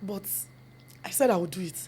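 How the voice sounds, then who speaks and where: A brisk, mellow, medium-pitched female voice carries over faint background noise. The speaker, a young Nigerian film producer and actress with a Yoruba accent, answers interview questions earnestly, switching languages between English and Yoruba mid-sentence and echoing phrases for emphasis.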